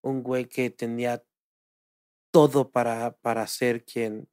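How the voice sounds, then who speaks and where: A man with a Mexican accent in casual podcast chat, animated and swearing freely. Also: medium pitch, slow, smooth, no room sound, clean studio sound. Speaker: podcast co-host.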